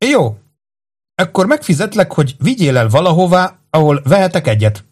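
A man voicing a tall, sharp-tongued young woman swordfighter in an audiobook, speaking coldly and scornfully. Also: a little high, sing-song, pitched above the performer's own voice. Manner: cold, scornful.

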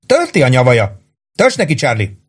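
A man's voice: medium pitch, wildly swooping pitch, voice pushed up. A man voicing an irritable young woman, a bar waitress, speaking curtly and snappishly. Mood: irritated. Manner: curt, snappish.

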